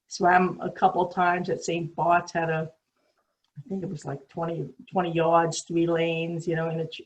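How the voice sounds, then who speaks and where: An older woman from New York City, with a New York accent and a voice on the low side, tells her story as a guest swimmer on a video call. The audio is dull, and she uses many ums and restarts.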